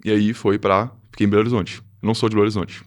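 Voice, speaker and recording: Low-voiced hesitant mineiro man. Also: flat delivery, racing. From Minas Gerais, Brazil. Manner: hesitant, many fillers and restarts. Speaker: podcast guest, nutritionist. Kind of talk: casual interview chat.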